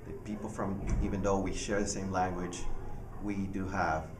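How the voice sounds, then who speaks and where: Deep-voiced pastor, echoey room. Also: male voice, little pitch movement. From Panama. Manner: earnest, halting, with many restarts and fillers. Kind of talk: personal ministry testimony. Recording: echoey room, far from mic, audible noise.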